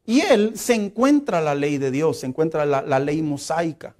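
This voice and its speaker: A middle-aged male pastor, preaching a lively, humorous sermon and acting out quotes. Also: on the high side, moderate pace.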